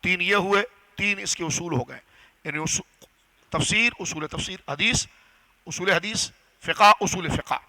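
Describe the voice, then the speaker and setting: Bright high-voiced male preacher lecturing. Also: rough recording. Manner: didactic, rhetorical questions to audience. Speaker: Islamic scholar and preacher. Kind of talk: religious lecture. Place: gathering hall.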